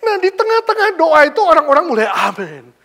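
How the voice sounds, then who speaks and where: Male pastor, sermon with anecdotes; bright, animated delivery, wide swings from murmur to emphatic outbursts. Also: very high voice, brisk. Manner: lively, shifts between hushed asides and loud emphatic bursts; mixes casual slang into preaching. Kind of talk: sermon with storytelling. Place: church sanctuary.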